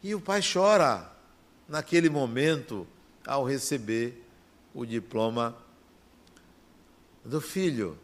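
A man with a Brazilian Portuguese accent giving a reflective storytelling talk. He speaks in short, measured phrases with long pauses between them. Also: mid-range voice, animated.

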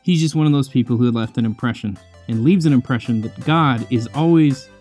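A man hosting a devotional podcast, speaking reflectively and conversationally with many pauses, then reading scripture. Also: mid-range voice, darkish tone, soft background music. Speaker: podcast host.

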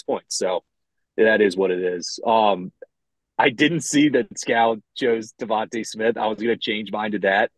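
A low-pitched man calls in over a phone line, his voice dry and close with no room around it. He rambles loosely and swears casually as a podcast co-host, speaking from inside a parked car. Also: dry recording. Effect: talking over a phone line. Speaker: co-host of a sports betting podcast. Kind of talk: casual chat.

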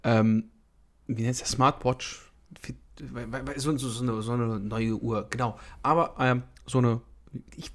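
A man's voice: medium pitch, steady tone, unhurried. Blunt joking young man podcasting. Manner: blunt, joking, speaks straight to listeners. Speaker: podcast co-host. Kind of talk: casual podcast chat.

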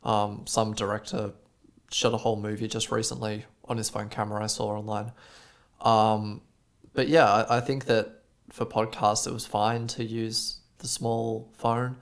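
Low-ish and measured, this Australian man's voice barely moves in pitch. Co-hosting a podcast, he rambles casually through his stories, with "like" cropping up constantly.

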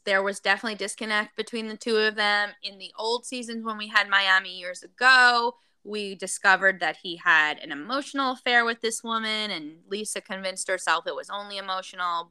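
A woman's voice: medium pitch, pushed and bright, smooth, dry recording. A woman co-hosting a casual gossip podcast, recounting a story with lots of fillers. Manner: chatty, recounting with many fillers. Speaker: podcast co-host.

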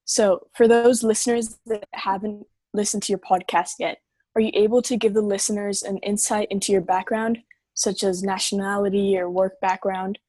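A woman hosting a podcast and asking interview questions in a brisk manner. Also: mid-range voice, level tone, warm tone, no room sound. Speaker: podcast host.

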